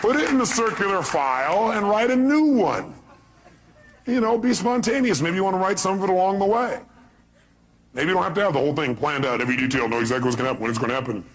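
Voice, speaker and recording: A man giving a motivational seminar talk, animated and acting out the voices he quotes, sometimes shouting. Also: high-pitched, quick pace, some chatter behind. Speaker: motivational speaker.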